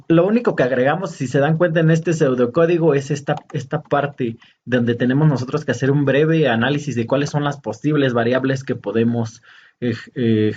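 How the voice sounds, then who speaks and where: A man teaching a programming lesson over a screen recording, talking slowly and hesitantly as he points out each step. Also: mid-range voice, darkish tone, lo-fi sound, slight background noise. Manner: slow, hesitant, pointing out steps.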